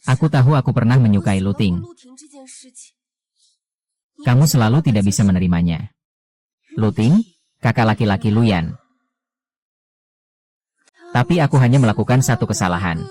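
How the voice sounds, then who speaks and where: A man reading the dialogue of a dubbed drama, voicing every role in one even, low-key delivery. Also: normal speed, pauses often. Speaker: voice-over reader of a drama.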